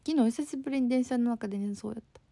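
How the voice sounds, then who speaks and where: Fast and fairly high-pitched with vocal fry, this young woman speaks in a mellow Kansai-accented voice, recorded with no room sound. As a bubbly livestream host, she chats casually, reads comments, and keeps thanking viewers, though she seems a little sleepy.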